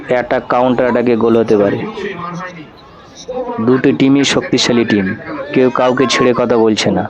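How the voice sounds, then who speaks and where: A man's voice: mid-range voice, low-quality recording. A man giving live football commentary, repeating phrases for emphasis. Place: outdoors at a local football ground. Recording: outdoor field with crowd noise. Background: spectator crowd.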